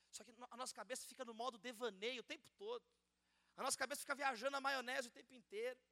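A male preacher, moving from hushed storytelling to shouted exhortation. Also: very high voice. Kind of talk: sermon. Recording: long reverb of a large hall.

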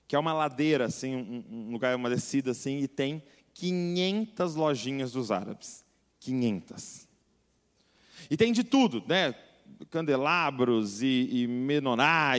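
A man preaching a sermon, telling a story in an animated way and acting out the voices of the people in it. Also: mid-range voice. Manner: animated storytelling, acts out voices, rising to fervent. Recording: long hall reverb.

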